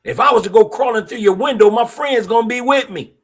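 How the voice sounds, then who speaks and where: In this casual podcast monologue, a middle-aged male host speaks at an extremely high pitch and a brisk pace. His manner is blunt, streetwise, and opinionated.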